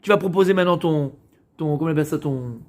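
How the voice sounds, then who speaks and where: Man, high-pitched, teaching a Torah lesson, repeats words as he searches, rhetorical questions. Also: fast talker, darkish tone. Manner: asks the class questions and answers them himself. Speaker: rabbi teaching a class.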